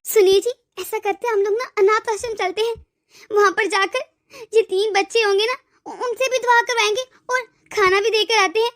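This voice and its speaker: A woman's voice: extremely high pitch, fairly even intonation, moderate pace, fairly bright tone. A woman voicing an emotional young wife and devoted daughter in a cartoon story, often stammering over her words. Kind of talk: cartoon voice acting.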